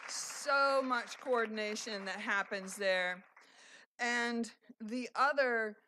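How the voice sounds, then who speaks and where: A woman emcee on a festival stage, thanking the teller and staff in a relaxed, chatty way. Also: fairly high pitch, takes it slowly, a faint crowd, a little hiss or hum.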